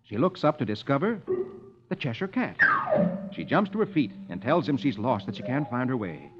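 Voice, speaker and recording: A man's voice: medium pitch, moderate pace. Jolly man reading an old radio story. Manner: jolly, lively, singsong. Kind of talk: 1950s children's radio reading. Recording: dull old radio transcription with music.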